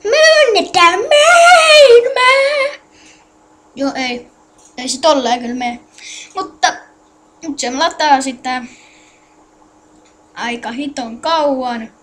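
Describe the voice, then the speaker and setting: A woman giving a casual screen-recorded game tutorial, addressing viewers with instructions while muttering to herself as she clicks around. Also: high voice. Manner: mutters to self while clicking, halting and distracted. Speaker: tutorial maker.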